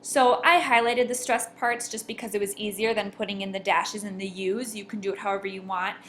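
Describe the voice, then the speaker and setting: Woman teacher explaining a worksheet, exaggerates stressed syllables, mid pitch, light background noise. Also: fairly even intonation, a little fast, fairly bright tone. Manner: explanatory, talks students through answers, exaggerates stress when reading aloud. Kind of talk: homework walkthrough over a screen recording.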